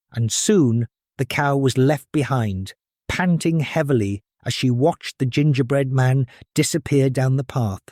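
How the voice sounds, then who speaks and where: Man, fairy tale storyteller, children's read-aloud, unhurried, very animated intonation, close dry sound. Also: medium pitch, dry recording. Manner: measured, expressive storytelling.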